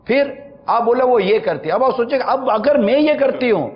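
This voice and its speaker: A man hosting a religious talk show, explaining patiently and slowing down to stress key points. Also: very high-pitched, expressive, long reverb tail, highs cut off. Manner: measured, explanatory, slows for emphasis. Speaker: religious scholar answering questions.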